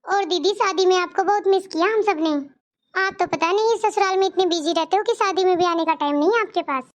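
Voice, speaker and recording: A naive younger sister from a cartoon story, voiced by a woman. She chatters on and speaks bluntly. Her voice is very high and squeaky. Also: brisk. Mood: chatty.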